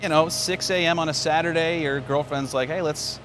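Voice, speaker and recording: At an outdoor spring training ballpark, with the open-air background clearly audible, a male radio voice of baseball from New York answers questions in a relaxed, story-driven manner. He talks at a moderate pace, his voice a little high, a bit bright and fairly even in intonation.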